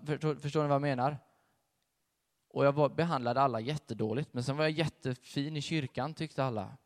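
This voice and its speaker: Young man preaching in a reverberant hall. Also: medium pitch. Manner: conversational, animated storytelling. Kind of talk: sermon with personal testimony.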